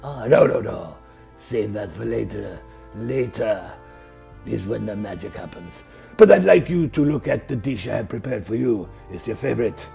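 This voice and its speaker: An actor playing a flamboyant male shark husband serving a fancy dinner in a comedy sketch, in a theatrical, gravelly voice. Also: fairly low pitch, lively intonation, moderate pace, music in the background. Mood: suave.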